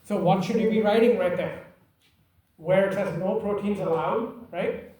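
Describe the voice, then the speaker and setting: High-voiced man lecturing in an echoey room. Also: normal speed, mellow, far from the mic. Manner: emphatic, repetitive, teasing. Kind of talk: classroom lecture.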